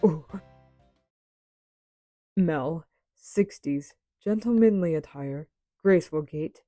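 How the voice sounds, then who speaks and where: A woman voicing an earnest, polite, curious young actress in an anime fan dub, with theatrical, deliberate, formal phrasing. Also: low-pitched, dark tone, no echo.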